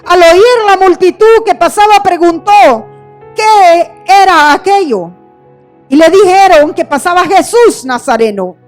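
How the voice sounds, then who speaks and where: A woman pastor preaches slowly in a high voice, each phrase drawn out and deliberate. She rises into passionate cries for mercy as she retells the story. Soft music plays faintly underneath. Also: expressive. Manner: impassioned preaching, cries out the blind man's plea. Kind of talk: sermon.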